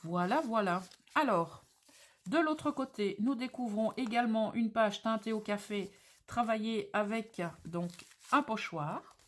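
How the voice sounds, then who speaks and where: A woman with a Belgian French accent who hosts a crafting channel and presents craft pieces in a slow, descriptive way with frequent fillers. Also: a little high. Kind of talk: presenting craft mail on camera.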